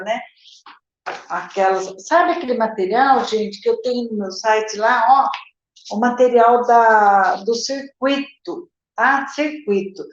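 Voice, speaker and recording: A woman's slightly high voice comes through reverberant, with the highs cut off. She's a literacy teacher with a Brazilian Portuguese accent answering questions in a live session, giving step-by-step explanations, checking in with viewers, and addressing them as "gente" with frequent "tá?".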